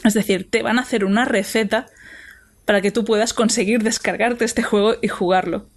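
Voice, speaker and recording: A woman's voice: medium pitch, fairly even intonation, normal speed. A woman co-hosting a casual podcast, speaking with many fillers and restarts. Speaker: podcast co-host.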